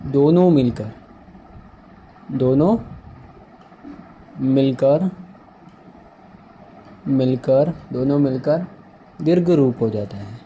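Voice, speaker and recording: A man's voice: mid-range voice, warm tone, a little hiss or hum, poor audio. A man teaching a grammar lesson, who repeats each word and keeps asking his students questions. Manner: slow, repeats words and asks the class questions. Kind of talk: slow, repetitive grammar lesson.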